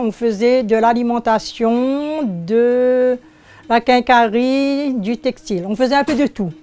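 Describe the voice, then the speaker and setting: An older woman in her sixties from Réunion, speaking, recalling her life as a shopkeeper in an unhurried, hesitant way. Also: fairly high pitch, warm tone. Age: 60s. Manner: unhurried, hesitant, searching for words. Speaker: shopkeeper interviewee. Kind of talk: oral history interview.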